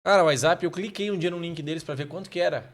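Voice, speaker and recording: Fast-talking man telling anecdotes. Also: fairly high pitch. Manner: lively anecdote-telling, says "cara" a lot. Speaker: podcast co-host. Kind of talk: casual chat.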